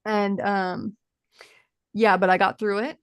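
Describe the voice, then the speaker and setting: A woman's voice: mid-range voice, level tone, slow pace, clean tone, no room sound, clean studio sound. A woman from the Cincinnati area co-hosting a casual live show, chatty, earnest and supportive. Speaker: co-host.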